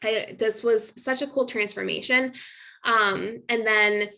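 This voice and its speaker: A young adult nutrition coach gives a casual online masterclass, chatty and full of fillers, laughing between points. Her voice is on the high side, slow, bright and pushed, with vocal fry.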